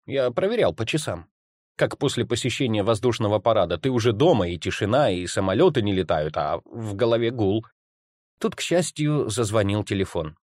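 A man reading a humorous first-person story aloud, with ironic, animated storytelling. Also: on the low side, dry recording, clean studio sound. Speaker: audiobook reader.

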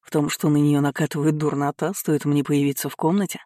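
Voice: medium pitch, flat delivery, a little fast, warm tone, no room sound, studio quality, natural voice. An audiobook reader voicing a sardonic young marquis who teases his sister. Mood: wry. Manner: wry, mocking. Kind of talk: audiobook character reading.

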